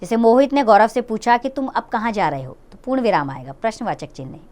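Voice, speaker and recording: A woman's voice: fairly high pitch, quick pace, a little mellow. A woman with a Hindi accent teaching a grammar lesson to children, friendly and explanatory, speaking to them directly.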